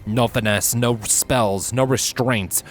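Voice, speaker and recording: Over background music, a man narrates a scripted fantasy story as a fan fiction reader. His medium-pitched voice keeps fairly even intonation at a slow pace.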